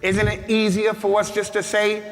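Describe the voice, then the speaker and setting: Brief: American male imam, Friday sermon, slightly high voice, long hall reverb. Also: completely flat delivery, normal speed. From United States. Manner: emphatic, repeats words, rises to shouts. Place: mosque hall.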